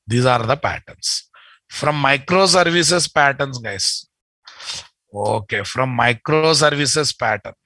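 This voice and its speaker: A middle-aged man with an Indian Telugu accent, a software instructor, teaches an informal live online lesson over a video call from an indoor room. His mid-range voice sounds pushed and bright with no room sound, and he repeats his phrases and addresses learners familiarly.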